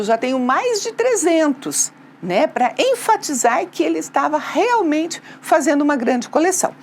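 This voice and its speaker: Woman teacher, Brazilian accent, animated pitch, faint background noise. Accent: Brazilian Portuguese. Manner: questions the class and answers herself, tag questions. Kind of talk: remote school lesson.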